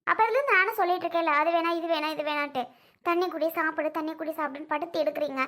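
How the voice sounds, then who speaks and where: A woman's voice: extremely high pitch, racing, fairly bright tone. A woman playing a bitter young wife who complains tearfully and scolds as she grieves her family's losses. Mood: resentful.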